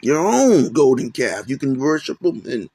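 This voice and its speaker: A man with a gravelly, creaky voice gives loose religious commentary from a close, dry mic. He rambles and keeps checking in with "man" and "okay?". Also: medium pitch, very animated, normal speed, a little mellow, no room sound. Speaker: channel host.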